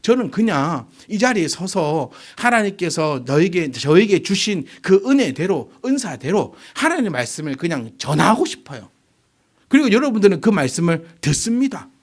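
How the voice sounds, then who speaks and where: A man's voice: sits high, big pitch swings, moderate pace. A pastor in his forties preaching a sermon, firing rhetorical questions at the congregation. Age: 40s.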